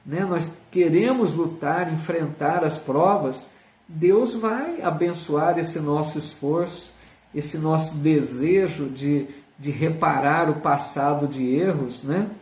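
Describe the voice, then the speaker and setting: The man's voice sits on the high side, with a darkish tone and a slow delivery, marked by a Brazilian Portuguese accent. He earnestly leads a live online Spiritist study, reading out comments from viewers and using frequent tag questions. The audio is roomy, with him far from the microphone.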